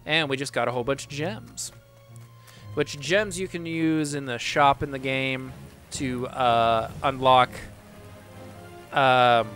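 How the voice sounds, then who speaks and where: A man talks through a game in casual, upbeat let's-play commentary, rambling and laughing easily. His voice sits a bit high for a man. Game music plays loudly under his voice. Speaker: gameplay commentator. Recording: game music playing behind.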